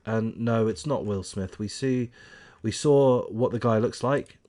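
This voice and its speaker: A man's voice: fairly low pitch, unhurried, background noise. A man hosting his own channel, giving casual, opinionated news commentary in a rambling way with many ums and uhs. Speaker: channel host. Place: home in Australia.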